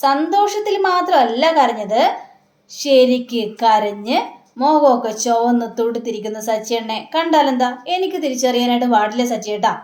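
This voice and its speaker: A woman's voice: fairly high pitch, animated, moderate pace, darkish tone, lightly acted. A woman voicing a playful young wife who teases and scolds her husband, in an echoey room. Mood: teasing. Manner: teasing, scolding questions.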